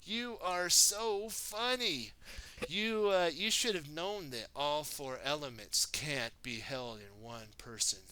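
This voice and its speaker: A man voicing a scheming dark lord in a storybook reading, talking slowly and tauntingly. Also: fairly high pitch, rough recording. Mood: mocking.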